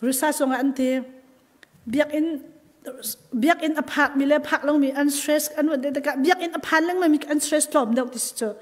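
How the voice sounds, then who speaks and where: A woman's voice: high-pitched, big-room sound. A woman preacher giving a live church sermon with an emphatic delivery that rises and falls. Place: church hall.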